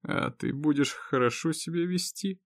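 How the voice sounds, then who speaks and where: A man voicing a drunk, weary, sarcastic man, hoarse and sluggish. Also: a little high, normal speed, no room sound, studio quality, pitched above the performer's own voice. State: drunk, groaning.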